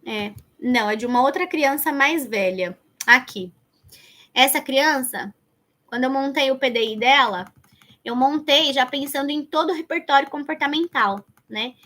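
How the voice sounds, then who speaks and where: Bright high-voiced Brazilian woman teaching. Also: moderate pace. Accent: Brazilian Portuguese. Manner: conversational, addresses viewers directly, thinks aloud. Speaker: educator teaching child development planning. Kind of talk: explanatory online lesson.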